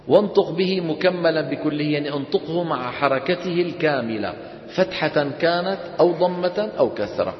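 A man teaching Quran recitation to a class, quizzing his students and having them repeat after him. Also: on the high side. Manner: questioning, drilling students call-and-response. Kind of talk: classroom instruction. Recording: echoey hall, dull sound.

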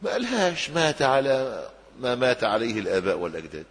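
A man preaching a sermon in Egyptian Arabic, lively, with loud emphatic peaks and quiet drops, acting out the people he quotes. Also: mid-range voice, quick pace. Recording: long hall reverb.

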